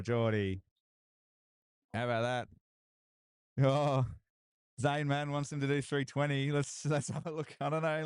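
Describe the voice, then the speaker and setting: Excited man commentating strongman. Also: medium pitch, dry recording. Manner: excitable hype, repeated cheers and laughs. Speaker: livestream commentator. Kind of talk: live strongman event commentary.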